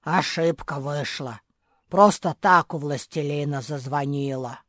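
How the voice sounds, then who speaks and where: A woman voicing a gloating male dragon with a hoarse voice in a storybook reading. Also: low-pitched, unhurried, dry recording, clean studio sound.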